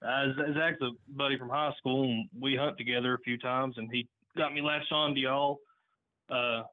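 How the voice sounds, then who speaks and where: A man's voice: mid-range voice, steady tone, normal speed. A man from Virginia calling in to a show over a phone line, chatting in a casual, hesitant way. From Virginia, United States. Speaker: phone-in caller. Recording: narrow, tinny phone line.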